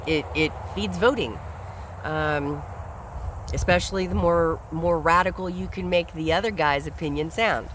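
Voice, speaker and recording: A man's voice: fairly high pitch, unhurried, a bit bright, a little hiss or hum, poor audio. A man hosting a solo podcast, speaking in an earnest, reflective way and often repeating words as he thinks aloud. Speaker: podcast host. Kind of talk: solo commentary monologue.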